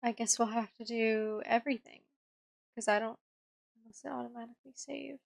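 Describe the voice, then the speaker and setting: A woman's voice: fairly high pitch, fairly even intonation, a little fast, gravelly, dry recording. A woman streamer chatting wryly as she plays a video game and talks back to its characters. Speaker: gaming streamer. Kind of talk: casual gameplay commentary.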